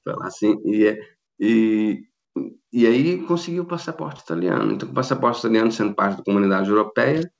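A Brazilian man in his fifties, speaking with a Rio de Janeiro accent, chats as a guest in a casual video-call interview from his home in Australia. His lowish, creaky voice is expressive and a little fast, and he rambles with many restarts and laughs. The call audio is dull and lo-fi.

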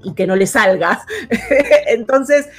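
A woman from Argentina, an actress, chatting as an interview guest in a thoughtful way, often pausing with fillers. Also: a little high, expressive, husky, soft background music. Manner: thoughtful, many hesitations and fillers. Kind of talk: casual interview chat.

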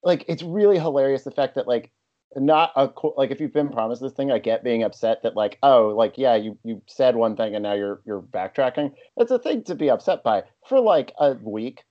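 A man's voice: mid-range voice, animated, normal speed, highs cut off. A man co-hosting a podcast, joking in casual chat with rambling asides. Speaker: podcast co-host.

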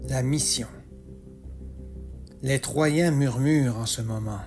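Slow, measured male storyteller. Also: medium pitch. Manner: slow, measured, rhythmic delivery. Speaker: narrator. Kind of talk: rhymed storytelling narration. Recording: soft music underneath.

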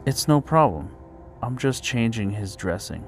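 Man reading a blunt young nurse, dry and frank, slightly raised pitch, faint music underneath. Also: very animated, measured pace. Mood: matter-of-fact. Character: calm sarcastic young female nurse.

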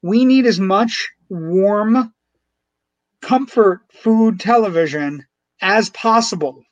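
A middle-aged man hosting a talk show, telling stories in an animated, emphatic way. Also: high voice, takes it slowly, no room sound, lo-fi sound. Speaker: radio show host. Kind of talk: casual talk show banter.

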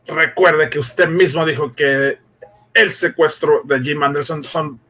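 Husky, forceful army general. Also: male voice, a little high, steady tone, a little slow. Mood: commanding. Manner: commanding. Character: authoritative, deliberating male army general. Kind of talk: old radio drama acting.

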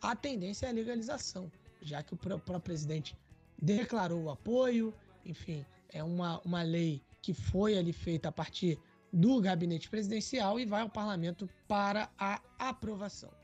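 A man's voice: sits high, normal speed, darkish tone, husky, highs cut off, faint music behind. A Brazilian man co-hosting a podcast, discussing news casually and hesitantly, with many fillers. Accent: Brazilian Portuguese. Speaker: podcast co-host.

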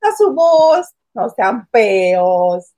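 A woman co-hosting a casual gossip chat, chiming in with quick quips. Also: a little high, big pitch swings, dark tone, dry recording.

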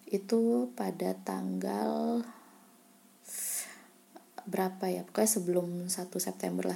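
A woman being interviewed, telling a personal story in a soft, reflective way that often slips into a breathy half-whisper. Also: medium pitch, slight background noise. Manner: candid, many fillers and restarts. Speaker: interviewee, scholarship student abroad.

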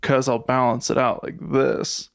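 A young man co-hosting a podcast in casual chat, playful and excitable, cracking crude jokes at a desk microphone. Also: mid-range voice, a little slow, vocal fry, clear, resonant tone. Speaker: podcast co-host.

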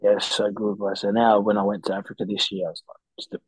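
A man's voice: fairly low pitch, little pitch movement, quick pace, husky, no room sound, poor audio. A man chatting casually as a rugby player guest, laid-back and matey with slangy talk. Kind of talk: casual interview chat.

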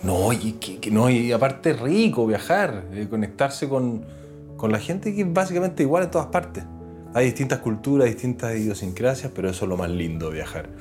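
A man with a Chilean accent, an actor and presenter, telling his story as an interview guest in an earnest, animated way. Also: medium pitch, moderate pace, soft background music. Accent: Chilean Spanish. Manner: earnest, animated, voices other people when retelling. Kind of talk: reflective conversational storytelling.

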